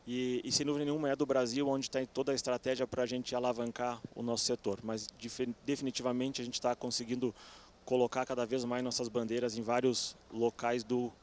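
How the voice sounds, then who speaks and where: Relaxed man presenting on a stage. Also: medium pitch, brisk, a little hiss or hum. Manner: relaxed, fillers like "né", self-correcting. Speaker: company executive panelist. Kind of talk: conference presentation. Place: event stage with audience.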